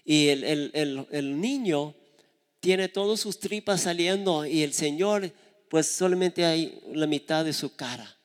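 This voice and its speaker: A man's voice: on the high side, a little slow, in a large hall. A man preaching a sermon, telling stories earnestly and acting out the voices of the people he quotes. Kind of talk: sermon with storytelling.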